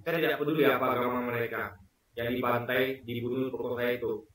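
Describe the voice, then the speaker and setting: A man's voice: mid-range voice, steady tone, quick pace, fairly bright tone, very echoey, far from the mic, rough recording. A man in his forties from Indonesia, talking earnestly to camera in a casual vlog, stressing and repeating his points. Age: 40s. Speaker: vlogger. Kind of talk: casual spoken commentary to camera.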